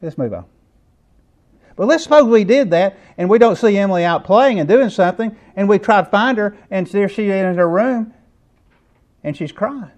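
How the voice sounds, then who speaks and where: A man's voice: high voice, normal speed, a little mellow. A middle-aged man preaching a sermon lesson, conversational and asking his listeners questions. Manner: conversational, asks the audience questions.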